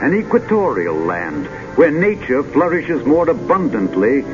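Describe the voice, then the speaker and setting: A man narrating in a grand, dramatic, measured old sci-fi announcer manner, like a vintage futurist documentary, with drawn-out poetic phrasing. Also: medium pitch, very animated. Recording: dull vintage film soundtrack with music.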